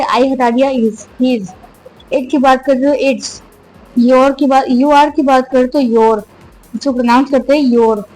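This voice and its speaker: A woman teaches English grammar in a loose, chatty way, catching and fixing her own slips as she goes. Her voice sits high, and she slows right down to spell out example words. Soft music plays faintly underneath. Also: low-quality recording. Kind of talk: casual classroom explanation.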